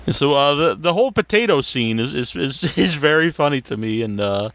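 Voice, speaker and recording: A male podcast host who asks questions in a relaxed, halting way, with many fillers. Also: fairly high pitch, no echo. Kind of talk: casual interview chat.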